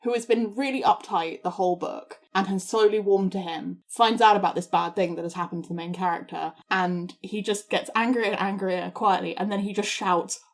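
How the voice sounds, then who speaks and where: A woman's voice: medium pitch, fairly even intonation, normal speed, hardly any pauses. A woman guest on a casual book podcast, retelling a favorite scene with enthusiasm.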